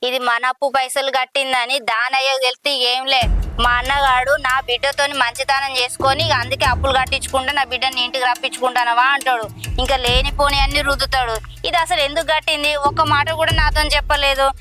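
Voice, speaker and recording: A woman's voice: sits high, flat delivery, a little fast, sharp tone, soft background music. A middle-aged woman with a Telangana Telugu accent playing a village mother who scolds, fusses and reassures her son. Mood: worried. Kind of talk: village drama acting.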